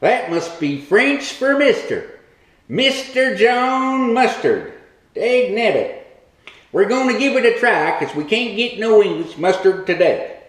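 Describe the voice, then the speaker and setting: A man's voice: high-pitched, very animated, slow pace, roomy sound, poor audio. A man hosting a comic cooking demo in a home kitchen, talking in a rambling, folksy hillbilly way. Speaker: cooking show host.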